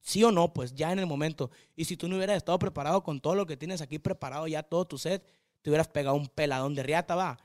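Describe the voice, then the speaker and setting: Speaking with a heavy Sinaloa accent from Mexico's northwest, this young Mazatlán native rambles rapidly and with boundless energy as a podcast guest in casual conversation. His pitch sits on the higher side. There's no echo or room ambience, just a dry, close-miked sound.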